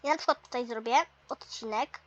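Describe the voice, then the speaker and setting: A woman's voice: on the high side, brisk, dull audio, close to an everyday voice. A woman voicing a patient young male math teacher in a toy role-play lesson, explaining step by step with mild teasing.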